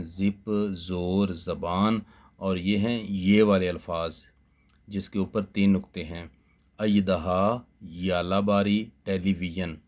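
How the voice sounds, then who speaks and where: A man's voice: low-pitched, a little mellow. A man teaching Urdu writing to children, spelling each word letter by letter with patient repetition. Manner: patient, spells letters one by one and repeats them. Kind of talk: slow spelling dictation lesson for children.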